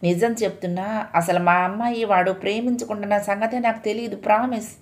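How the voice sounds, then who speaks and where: A woman's voice: medium pitch, steady tone, a little fast, lightly acted. A woman voicing an agitated retired engineer father in his sixties who protests and pleads, in a read-aloud story. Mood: defensive. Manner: agitated, pleading, shouting at times. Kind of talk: audio story reading.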